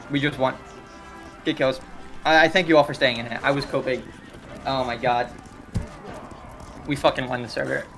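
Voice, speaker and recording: A young man commanding his regiment over voice chat, repeating orders and swearing, shouting when excited. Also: medium pitch. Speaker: regiment commander leading players. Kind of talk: live voice chat during an online battle game.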